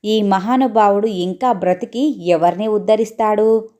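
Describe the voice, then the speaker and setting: A sharp-tongued middle-aged mother in a spoken storybook, voiced by a woman narrator. She scolds loudly and curses at anyone who crosses her. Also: medium pitch, measured pace, natural voice. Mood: scolding. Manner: loud, scolding, cursing.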